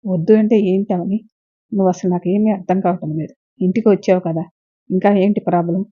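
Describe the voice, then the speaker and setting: A woman's voice: medium pitch, fairly even intonation, a little fast, breathy edge, no echo, natural voice. A woman voicing a pushy, self-pitying young man who pleads insistently, in a dull lo-fi recording. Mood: pleading.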